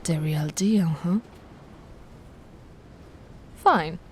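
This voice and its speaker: A woman plays a haughty, possessive immortal vampire aristocrat in an ASMR roleplay, imperious, condescending and theatrical, frequently sinking into a breathy whisper. Her voice is deep and very slow, with slight background noise, and the mood is scornful and threatening.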